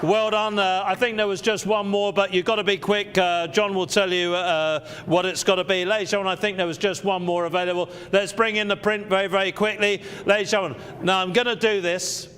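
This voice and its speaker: A man's voice: sits high, steady tone, a little fast, hardly any pauses, fairly bright tone, clear, resonant tone. A man working as an auctioneer on a live sale, calling bids in short, repeated patter.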